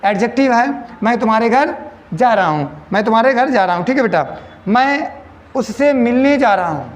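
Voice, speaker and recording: A man's voice: extremely high pitch, animated, moderate pace. A man teaching English grammar to a class, repeating each question back to his students. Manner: repeats questions to students, addresses them as beta. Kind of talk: classroom lesson in Hindi. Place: coaching classroom.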